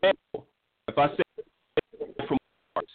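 A male caller on a call-in show whose phone line keeps breaking up, his halting words cutting in and out. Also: no room sound. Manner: halting, broken-off phrases. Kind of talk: call-in radio debate. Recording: tinny phone line dropping out.

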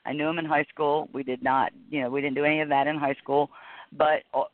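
A woman's voice: low-pitched, little pitch movement, fast, no room sound. A woman in her forties chatting casually as a guest on a talk show. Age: 40s. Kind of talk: casual chat. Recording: dry, tinny phone line.

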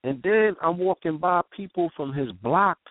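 This guest speaks in a high-pitched, expressive voice at a moderate pace, with no room sound on a tinny, dry phone line. He vividly and intensely retells something he witnessed, using street slang and repeatedly throwing in "you know what I'm saying" as he shares his personal story in a raw, conversational way.

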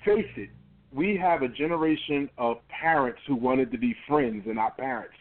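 A pastor in his forties, speaking at normal speed in a mid-range voice, is interviewed conversationally over a tinny phone line. He makes his points emphatically, frequently repeating words along the way.

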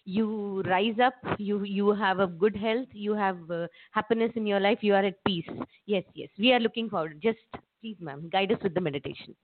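A woman's voice: medium pitch, moderate pace, hardly any pauses. A woman hosting an interview and putting questions to a guest. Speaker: interviewer, show host. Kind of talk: interview talk. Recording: thin, phone-like narrow band.

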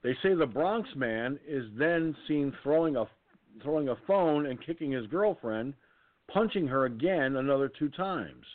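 A man's voice: a little high, lively intonation, moderate pace, no echo. A man hosting an online radio talk show, blunt, indignant and swearing as he reads the news. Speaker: host. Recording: dry, phone-like sound.

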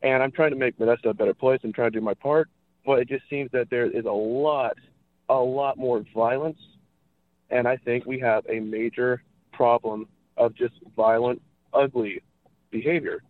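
A man's voice: mid-range voice, steady tone, normal speed, no echo. A man from California calling in to a radio show, speaking earnestly over the phone and repeating himself for emphasis. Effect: phone line caller. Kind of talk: earnest call-in opinion. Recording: tinny dry phone line.

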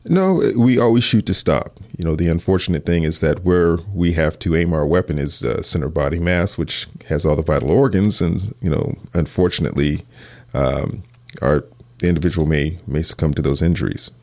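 A man speaking as a police detective in an interview, answering earnestly and hesitantly, with halting restarts. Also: low voice, a little mellow.

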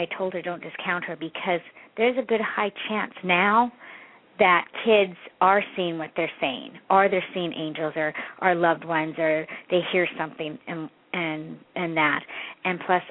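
A woman in her forties from Canada, a psychic medium guest on a radio interview, talking in a rambling way, repeating words and laughing often. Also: on the low side. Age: 40s. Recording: tinny phone line.

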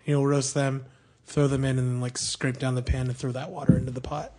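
A man on a podcast explaining things at length in casual chat, often trailing off softly. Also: medium pitch, little pitch movement, fairly quick, a crowd in the background. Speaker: podcast co-host.

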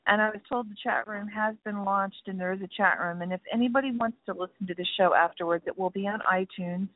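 A woman's voice: medium pitch, fairly even intonation, quick pace, dry recording. A woman radio show host in casual interview chat, talking in a chatty, apologetic way over a bad phone connection that keeps cutting out. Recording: tinny dry phone line.

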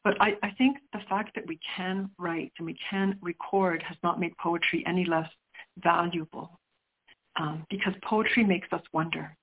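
A middle-aged poet whose first language is Sicilian answers interview questions as a guest, reflective and often restarting while searching for words. Her lowish, husky voice has fairly even intonation and normal speed, heard over a tinny phone line.

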